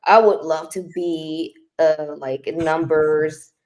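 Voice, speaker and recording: Co-host, woman, lower voice, halting and thoughtful. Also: steady tone, a little mellow. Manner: hesitant, searching for words. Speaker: podcast co-host. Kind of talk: casual chat.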